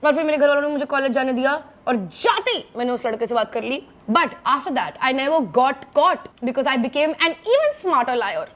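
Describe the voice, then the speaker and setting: High-voiced young woman telling a story. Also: a little slow, hardly any pauses. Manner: lively, mixes Hindi and English. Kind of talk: animated personal storytelling. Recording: dull lo-fi clip audio.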